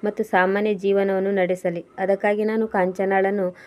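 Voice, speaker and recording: A woman reading as grieving Bhavani, plaintive and flat. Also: medium pitch, normal speed, lightly acted. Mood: sorrowful. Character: grieving transgender woman telling her past.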